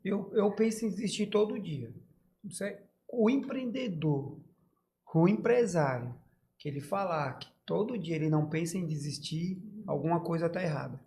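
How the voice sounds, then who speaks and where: A man speaks as a guest on a podcast, recounting his own story in earnest, halting phrases full of restarts. His voice catches with emotion as he acts out what others said to him. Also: high voice, vocal fry, warm tone. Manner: earnest, halting, with many restarts and quoted dialogue. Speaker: podcast guest, bakery founder.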